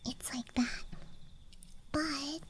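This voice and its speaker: Against a faint night campground ambience track and a little hiss or hum, a young woman streams ASMR in a breathy, high, girlish whisper. Her unscripted show-and-tell unfolds extremely slowly, gently and playfully, one small thing at a time, in a steady, unhurried murmur.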